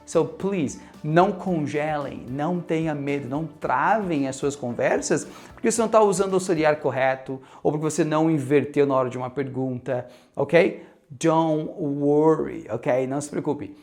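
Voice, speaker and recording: A man's voice: a little high, moderate pace, few pauses, faint music behind. A man with a Brazilian Portuguese accent giving a casual English lesson, mixing in English phrases and checking in often with the viewer. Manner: animated, mixes in English phrases, keeps checking in with "ok?". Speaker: English teacher.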